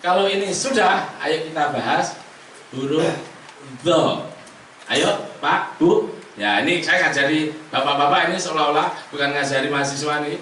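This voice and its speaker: Teacher guy, kinda high voice, jokey with his adult students, super echoey room, mic far away. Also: moderate pace, slight background noise. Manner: animated, teasing, coaxing students. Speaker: Quran reading teacher.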